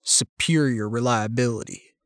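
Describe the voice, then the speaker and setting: A man voicing a young male militia leader who talks in a calm, sardonic, unhurried way. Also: mid-range voice, dry recording, studio quality, voice pushed down, natural voice. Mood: cool menace.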